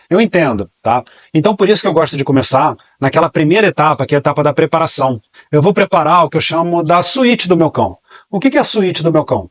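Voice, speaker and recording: Brazilian male dog trainer, quick and fairly high voice, dry close sound, rhetorical teaching style. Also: dry recording. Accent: Brazilian Portuguese. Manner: explanatory, repeats key phrases, asks and answers own questions. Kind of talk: online training class.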